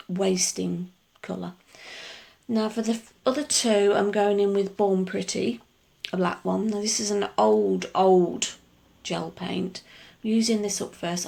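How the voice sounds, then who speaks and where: Having only just woken up, a middle-aged woman talks through her nail art steps in a casual tutorial voice-over, her voice gruff and full of gravelly fry. Her pitch sits in the middle with a darkish tone. She's chatty, her rambling explanations wandering into many asides.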